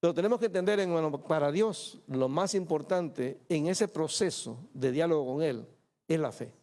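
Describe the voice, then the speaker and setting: Male pastor, high-pitched sermon voice, calls the congregation brother, acts out the voices he quotes. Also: normal speed, a little mellow. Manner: addresses listeners as "hermano", acts out quoted voices. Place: church in Montreal.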